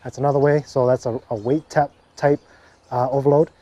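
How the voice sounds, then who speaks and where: A man giving casual workout instruction as a fitness coach, relaxed and full of fillers and "okay, right?" check-ins. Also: mid-range voice, fairly quick, no echo, lo-fi sound. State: briefly out of breath after a set.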